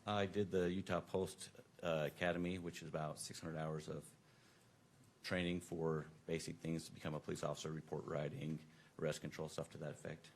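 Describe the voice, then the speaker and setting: A middle-aged police officer testifying from the witness stand, heard through the courtroom's table microphone and giving brief, matter-of-fact answers. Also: male voice, extremely low pitch, level tone, brisk, a little hiss or hum. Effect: courtroom recording, voice picked up by the witness-table microphone.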